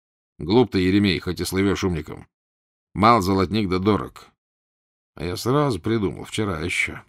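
A man voicing a bored, imperious prince who gives loud, brusque commands. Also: low-pitched, animated, moderate pace, dry recording, clean studio sound. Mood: smug. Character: bored, imperious male prince, a capricious grandee.

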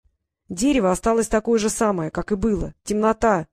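A woman's voice: medium pitch, fairly quick, a little mellow, dry recording, natural voice. Sarcastic boy, teasing, smug, woman narrator's voice, dry booth. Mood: mocking. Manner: sarcastic, needling. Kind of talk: audiobook character reading.

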